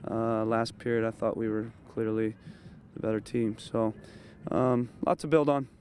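A man's voice: on the low side, fairly even intonation, a little mellow. Coach guy in his 30s, post game chat outside at night, mic right up close, lots of um and you know, faint outdoor hum. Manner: thoughtful, measured, frequent fillers. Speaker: head coach. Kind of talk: postgame interview. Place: outdoors at a training field at night. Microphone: handheld interview mic held close.

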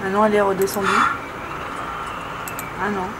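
A woman giving casual, excitable horror game commentary, urging the player on. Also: normal speed. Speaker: gaming video host. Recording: noisy room, low-grade camera audio.

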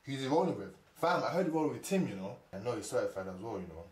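An actor playing an angry young street hustler, heated and swearing on the phone. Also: male voice, mid-range voice, very animated, fast, reverberant, natural voice. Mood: scheming. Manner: heated, swearing, slang-heavy.

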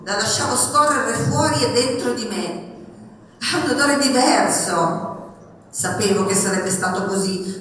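A woman reading passages of a memoir aloud at a public event, expressive and rising in pitch on the lively parts. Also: slight background noise. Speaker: reader at a book event. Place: public event in a reverberant hall. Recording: echoey hall, mic far off.

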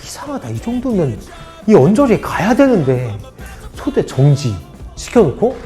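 Animated man telling an army story. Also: high voice, moderate pace, soft background music. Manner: animated, acts out dialogue of others. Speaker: former army officer sharing advice.

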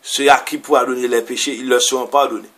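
A man preaching as a pastor, reading verses aloud and explaining them in loose, halting phrases. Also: mid-range voice, level tone, fairly bright tone. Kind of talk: sermon reading and explaining scripture.

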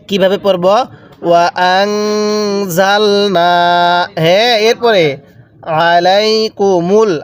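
High-voiced man teaching slow recitation. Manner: drawn-out chanted recitation of each word between explanations. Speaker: Quran reading teacher. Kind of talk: slow step-by-step recitation lesson.

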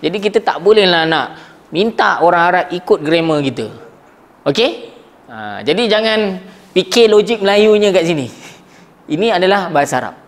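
High-voiced male classroom teacher. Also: moderate pace. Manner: lively, often checks "okey?" with the class. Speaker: Arabic grammar teacher. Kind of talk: classroom lecture.

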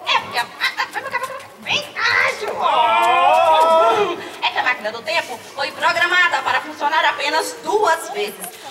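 A woman's voice: very high voice, expressive, a little slow. A woman playing an earnest, fussy inventor's assistant in a declamatory children's stage play. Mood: anxious explaining. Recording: distant echoey stage, loud music and crowd.

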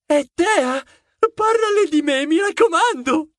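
A man's voice: extremely high pitch, lively intonation, a little slow, fairly bright tone, dry recording, studio quality, voice pushed up, heavily acted. Man doing an eager boastful mouse sidekick.

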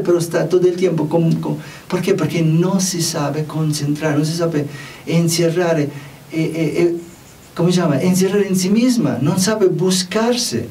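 A man from Europe gives a spiritual talk in a fairly high, mellow voice. He speaks unhurriedly and conversationally, and he keeps putting questions to the listener. He sits well back from the mic, so his voice sounds distant. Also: slight background noise. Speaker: spiritual teacher.

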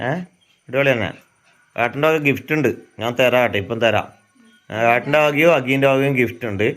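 A man's voice: mid-range voice, brisk, fairly bright tone. A man, chatting casually to viewers at home as a family vlogger and asking teasing questions. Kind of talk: casual vlog chat. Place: at home indoors.

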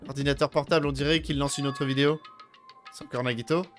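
A man with a French accent streaming a let's play, reading game text aloud with lively reactions. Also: mid-range voice, fast talker, faint music behind. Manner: lively, switches between narration and reactions. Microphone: studio microphone.

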